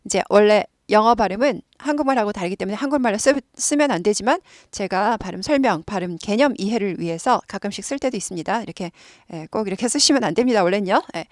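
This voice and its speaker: A woman's voice: mid-range voice, animated, fast, no echo, clean studio sound. A woman teaching an English lesson, explaining patiently and repeating words many times for learners to copy.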